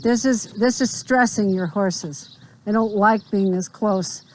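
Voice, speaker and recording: A woman's voice: medium pitch, slow pace, a little hiss or hum. A woman riding instructor outdoors, explaining drill directions firmly and checking that her riders understand. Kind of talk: spontaneous hands-on instruction.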